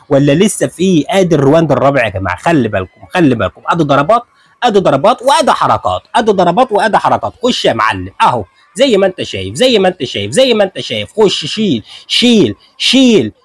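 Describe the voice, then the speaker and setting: A young man with an Egyptian accent giving comic, excitable commentary on a fight and repeating every phrase. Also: a little high, breathy edge, no echo. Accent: Egyptian Arabic.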